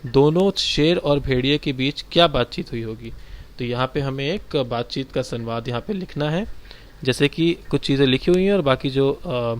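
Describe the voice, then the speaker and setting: A man teaching a primary-school lesson, walking children through textbook exercises and explaining each one slowly and directly. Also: mid-range voice.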